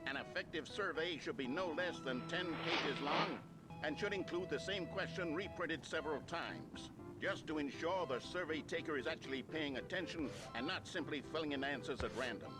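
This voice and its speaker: A chipper instructional video announcer, played by a man, with a slightly high voice and brisk, cheerful pacing. Loud music plays under every line, in the style of an old training film. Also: close to an everyday voice. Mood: upbeat. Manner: brisk, cheerful presenter delivery. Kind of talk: mock instructional video narration.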